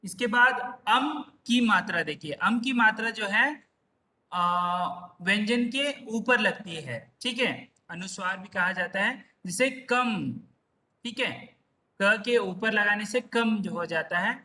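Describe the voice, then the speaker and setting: Male teacher, online class: slow, bright-toned, patient repeater, sits back from the mic. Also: sits high. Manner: patient, repetitive, drawn-out syllables. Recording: voice far from the mic.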